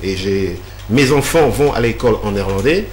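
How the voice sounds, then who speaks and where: In an echoey room with a faint hum, a man with a lowish, expressive voice responds to interview questions at a moderate pace. As a guest he explains things patiently and at length, hesitating often with fillers, restarts and repeated words.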